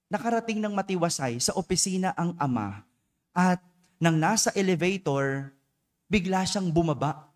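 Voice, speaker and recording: A man's voice: high-pitched, expressive, moderate pace, long pauses. A male priest giving a dawn-mass homily, telling a story and checking in with the congregation by asking them to agree. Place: church.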